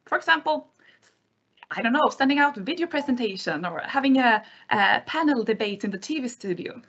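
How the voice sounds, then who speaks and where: Female panelist, fairly high voice, halting conversational delivery, slightly dull recording. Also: lively intonation, a bit bright. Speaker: webinar panelist. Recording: slightly dull, lo-fi webinar audio.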